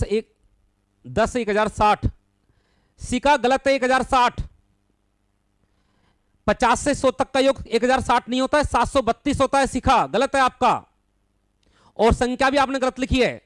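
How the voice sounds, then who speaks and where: A man with a very high, smooth voice leads a live online maths lesson, reading out students' names and checking each answer. He corrects mistakes bluntly but patiently, calls his students "son", and counts through long runs of numbers in a steady recitation. The sound is dry and close. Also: no echo. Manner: calls students by name, affectionately addresses them as son. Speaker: maths teacher.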